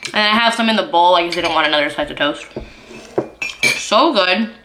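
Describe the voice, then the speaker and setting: A woman's voice: on the low side, very fast, sharp tone, a little hiss or hum. A woman in her twenties chatting casually at home over breakfast, full of fillers like "like", sometimes talking with her mouth full. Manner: chatty, filler-heavy talk, eating while speaking. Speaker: vlogger. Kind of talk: casual chat. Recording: echoey room.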